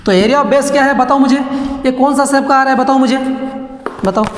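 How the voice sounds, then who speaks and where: A man's voice: extremely high pitch, a little fast. A man teaching a maths lesson to his students, constantly asking them questions and switching between Hindi and English. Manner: talks straight to the class, asks lots of questions, switches between Hindi and English. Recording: echoey room with long reverb.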